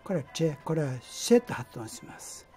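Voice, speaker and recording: A man giving an amateur language lesson, explaining patiently in a halting way with many pauses and fillers. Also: on the high side, very animated, warm tone, breathy edge, faint music behind. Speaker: language teacher.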